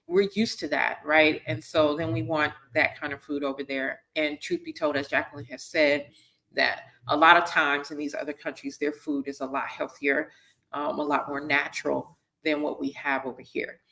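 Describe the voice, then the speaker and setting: Low-voiced woman hosting a live talk. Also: level tone, normal speed, sharp tone. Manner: conversational, often checks in with "right?" and "okay?". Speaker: host, missions team leader. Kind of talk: live-streamed teaching talk.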